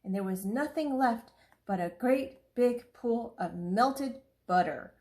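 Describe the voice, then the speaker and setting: A woman reading a children's storybook aloud with expressive, lively storytelling. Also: fairly high pitch, slow.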